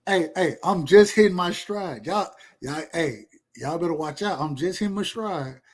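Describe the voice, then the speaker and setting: Man, 30s, fairly high voice, loose rambling podcast host talk. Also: animated, normal speed, slightly rough. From Georgia, USA. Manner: laid-back, boastful, rambling with repeats. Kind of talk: casual chat.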